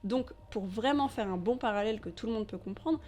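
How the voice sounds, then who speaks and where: A French woman giving scripted documentary narration in a measured, emphatic voice, with pointed asides to the viewer. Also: a little high, darkish tone. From France. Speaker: narrator of a video essay.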